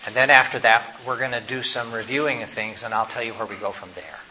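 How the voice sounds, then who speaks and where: A man's voice: mid-range voice, steady tone, quick pace, bright, forceful tone. A man presenting health education to a group, praying, telling a Bible story, and then quizzing his listeners with questions. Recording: slightly dull recording, faint noise.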